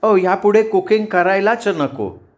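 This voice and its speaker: A man voicing a dramatic, shrieking young woman flatmate who also turns coy. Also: high voice, a little slow, pitched above the performer's own voice.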